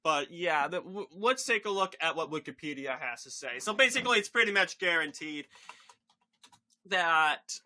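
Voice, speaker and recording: A young man with a very bright, forceful voice, pitched a little high, works as an informal election night analyst. He talks through results in a halting, rambling commentary and often corrects himself mid-sentence. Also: animated. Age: young adult, about 20. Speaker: channel host giving election results analysis.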